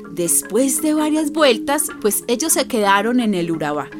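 Narrating a radio drama, a woman plays an earthy, impassioned storyteller with a Colombian accent who speaks straight to listeners. Her voice is a little high, and she explains things warmly and expressively.

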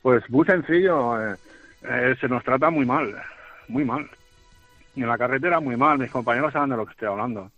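A nervous man with a Spanish accent phones a radio show as a truck driver, giving emphatic, plaintive testimony and repeating himself. His mid-range voice moves at a moderate pace. The call comes through a dull radio phone line with faint music behind it.

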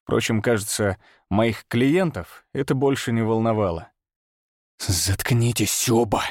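A man narrating an adventure audiobook in the first person, with expressive storytelling. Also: medium pitch, moderate pace, dry recording, clean studio sound.

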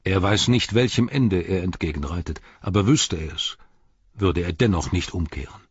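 A weary, stern noble male ranger king, read by a man who speaks in a grave, measured way. The voice is deep and husky. It has a dry, dull audiobook sound. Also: dry recording.

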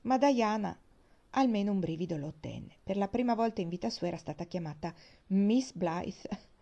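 A woman narrating a novel in a steady, unhurried reading. Her voice is mellow and soft-edged, and the recording sounds dull and lo-fi. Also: mid-range voice. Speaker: audiobook reader. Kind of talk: audiobook narration.

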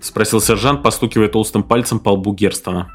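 A man's voice: on the low side, brisk, faint music behind. A man narrating a story and voicing all of its figures himself. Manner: acts out every figure's lines himself. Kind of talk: audiobook narration.

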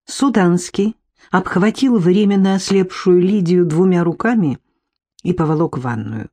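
A woman reading a comic novel aloud as an audiobook narrator, in a lively, expressive way. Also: fairly low pitch, normal speed. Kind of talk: scripted narration.

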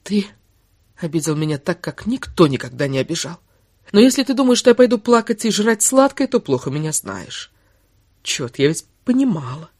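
A woman's voice: sits low, sing-song, moderate pace, slightly rough, no echo, clean studio sound, full character voice. A woman voicing a furious, sarcastic young woman who hurls insults in an audiobook. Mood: bitter. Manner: shouting insults, biting sarcasm.

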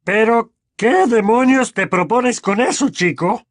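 A man voicing a furious, pompous middle-aged uncle in an audiobook, hoarse and blustering. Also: sits high, animated, a little slow, dry recording, clean studio sound, voice pushed up. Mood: angry. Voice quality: hoarse, trembling with rage. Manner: blustering, bullying. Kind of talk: audiobook character voice.

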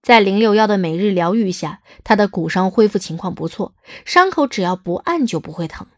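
A woman's voice: medium pitch, lively intonation, brisk, no room sound, clean studio sound. A woman reading scripted narration as the narrator of a dramatised audiobook.

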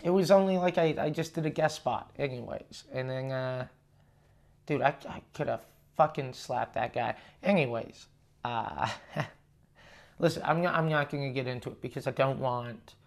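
A man hosting a casual solo podcast, rambling and halting with frequent swearing, recorded on a lav mic in an echoey room. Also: medium pitch, gravelly. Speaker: podcast host and touring stand-up comedian. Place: condo room, indoors. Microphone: lavalier plugged into portable recorder.

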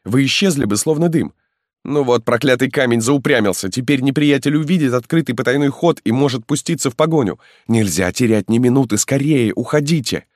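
A man voicing an eager young male peasant rescuer who talks in urgent, hurried pleas. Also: mid-range voice, dry recording, clean studio sound, voice pushed up, natural voice.

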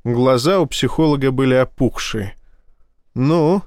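Male audiobook narrator, mid pitch, smooth crisp voice, dry close sound. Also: normal speed, a little mellow, no echo. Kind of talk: scripted narration.

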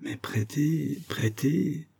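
A man's voice: medium pitch, normal speed, warm tone, voice pushed up, close to an everyday voice. A man voicing a miserly old male moneylender who whines and laments, in a storybook reading. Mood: whining. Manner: wheedling, lamenting.

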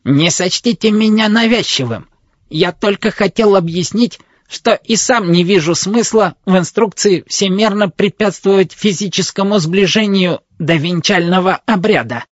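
A man voicing a fussy, grumbling male wedding robot with a creaky, metallic voice. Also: high-pitched, normal speed, no room sound, muffled recording, voice pushed up. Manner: fussy, complaining, officious.

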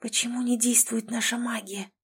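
A woman voicing a young female captive who pleads in a high, anxious voice. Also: fairly quick, a little mellow, natural voice. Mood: whispering. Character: young female captive, frightened but brave.

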